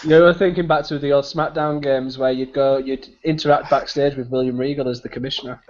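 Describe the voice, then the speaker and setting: A man co-hosting a podcast in casual chat, animated and stumbling over his words as he asks questions. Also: mid-range voice, brisk. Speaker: podcast co-host. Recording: dull podcast recording.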